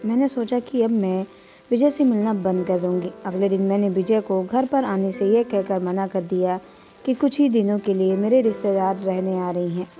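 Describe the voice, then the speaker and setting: A woman tells an emotional first-person story with earnest feeling. Her voice is mellow and soft-edged. Faint background music plays under her narration. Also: mid-range voice, rough recording. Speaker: storyteller and channel host.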